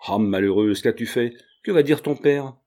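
A man's voice: mid-range voice, normal speed, dark tone, lightly acted. A man reading an audiobook, voicing a fretful, talkative old peasant mother who laments and exclaims. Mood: dismayed.

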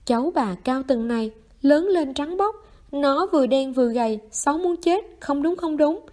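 A woman's voice: sits high, expressive, normal speed, a little mellow, voice pushed up. A woman voicing a stubborn, forgetful old grandmother who scolds crankily in a story reading. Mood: cranky scolding.

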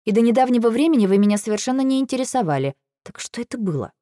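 A woman reading a first-person audiobook, lively and exasperated in her delivery. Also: on the high side, very fast, no room sound, clean studio sound. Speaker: audiobook narrator.

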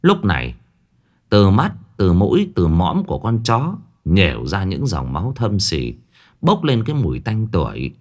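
Low-voiced man telling a ghost story. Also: moderate pace. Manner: dramatic, expressive storytelling.

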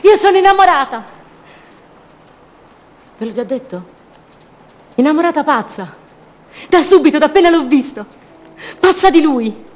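Here the same actress plays the madly enamored, fragile and impulsive woman, her poetic radio monologue repeating phrases as it moves between ecstasy and quiet. She sounds high-pitched and animated at a moderate pace, pausing often, and comes across passionate and defiant.

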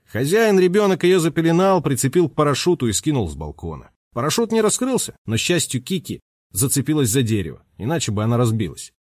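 Man playing a teasing teenage boy, mocking, grinning, higher pitch, dry. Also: huge pitch swings, fast, a little mellow, dry recording.

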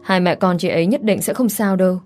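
Casual: lady reading as a fake-sweet young woman, soothing, low mellow voice, faint music. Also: fast, natural voice. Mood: consoling. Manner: soothing, consoling.

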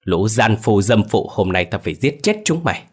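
A man's voice: deep voice, fairly quick. A man voicing a vengeful old man who commands corpse spirits, speaking in a menacing roar. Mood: furious. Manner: roaring, menacing.

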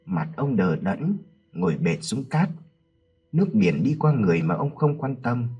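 A man narrating a horror story in a dramatic, expressive way. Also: medium pitch, unhurried, husky, lo-fi sound, soft background music.

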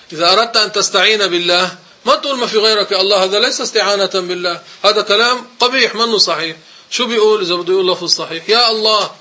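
A male sheikh moves quickly through a religious lesson, his voice pitched high. His tone is tense and cutting as he insists on what may and may not be said, with a faint hum of room noise behind him. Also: pushed and bright. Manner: emphatic, corrective explaining. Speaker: religious teacher. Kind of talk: religious lesson with commentary on a text.

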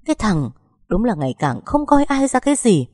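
A woman's voice: deep voice, lively intonation, normal speed, dark tone, no echo, studio quality. A woman voicing a stern but caring middle-aged mother-in-law who scolds bluntly. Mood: indignant scolding.

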